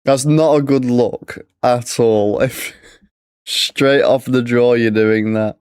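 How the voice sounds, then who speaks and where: Excitable male live game commentator. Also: mid-range voice, slow pace, clear, resonant tone, no room sound, clean studio sound. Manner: excitable, blunt remarks. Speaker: stream commentator.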